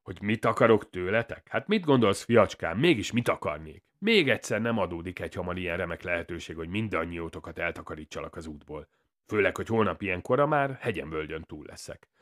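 A man's voice: low-pitched, lively intonation, a bit bright. A man doing a sneering psychopath gunman. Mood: menacing. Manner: taunting, mocking and theatrical. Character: sneering psychopathic male gunman, mocking and cruel. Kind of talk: audiobook character voice.

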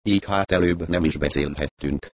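A man reading an audiobook, voicing a tense middle-aged woman who answers questions in a hushed, hesitant way. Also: low voice, no echo. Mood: hushed pleading.

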